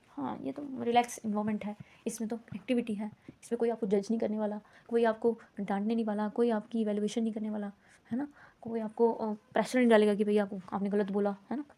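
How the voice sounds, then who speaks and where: A woman's voice: mid-range voice, warm tone. A woman explaining teaching methods in a lecture, mixing in English terms and often checking in with "है ना?". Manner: mixes English terms into Hindi, frequent "है ना?" checks. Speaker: teacher educator.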